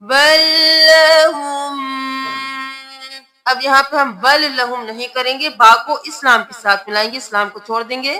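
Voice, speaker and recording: A woman teaching Quran reading, spelling out letters and slowly chanting each word, patient and repetitive. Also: a little high, fairly even intonation, sharp tone. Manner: patient, repeats words slowly with drawn-out chanting.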